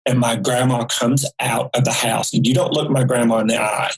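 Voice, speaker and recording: A man, a guest telling a story in an animated, folksy way. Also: mid-range voice, moderate pace, low-quality recording. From rural North Carolina. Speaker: psychic guest. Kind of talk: storytelling interview.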